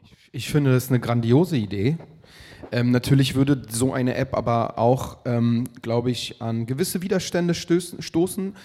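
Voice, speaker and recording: A man's voice: medium pitch, measured pace, warm tone. Man, panelist, thoughtful, qualifying, fillers, hall reverb. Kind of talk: panel discussion.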